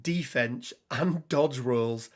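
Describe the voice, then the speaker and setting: Reading card text aloud, this podcast host rambles and laughs through a casual tabletop game conversation. His mid-range voice draws out words and sounds a bit worn, as he's starting to lose his voice.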